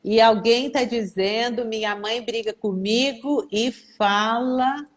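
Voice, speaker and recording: A middle-aged Brazilian woman therapist talking casually on a live stream, telling lively stories and acting out the voices of the people she quotes. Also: a little high, slow. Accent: Brazilian Portuguese. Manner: animated storytelling, acts out quoted voices.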